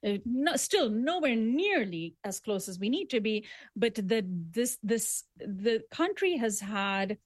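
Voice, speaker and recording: A woman's voice sits a little high as she talks earnestly in an interview, pressing her points with emphasis and repeated restarts. The sound is dry and close, with no room around it. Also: very animated, slow pace, few pauses, no echo. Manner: earnest, emphatic, building arguments with repetitions. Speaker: author guest. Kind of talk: conversational interview.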